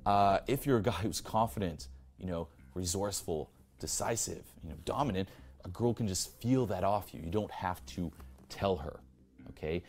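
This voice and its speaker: A man's voice: lowish voice, darkish tone. A young man coaching on dating in a blunt, profane monologue, peppered with "you know" and "okay". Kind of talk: instructional monologue.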